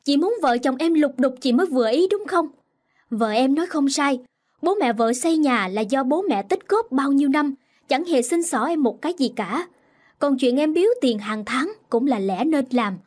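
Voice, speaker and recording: A woman's voice: a little high, moderate pace, breathy edge. A woman voicing a young husband who speaks firmly and sharply to his sister, in a storybook reading. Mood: firm, angry. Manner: firm, pleading then sharp.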